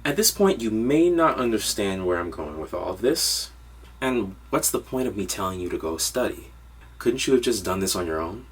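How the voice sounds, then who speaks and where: A man's voice: lowish voice, lively intonation, normal speed, recorded from a distance, a little hiss or hum. A man giving an upbeat, direct online lesson on piano harmony. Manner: upbeat, direct instructional delivery. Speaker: music teacher.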